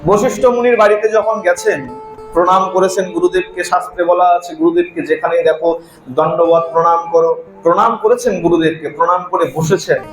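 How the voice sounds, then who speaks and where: A male storyteller narrating a scripture tale in a devotional hall, lively and posing rhetorical questions to listeners. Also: high-pitched, brisk. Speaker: religious storyteller. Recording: roomy hall with faint plucked-string music.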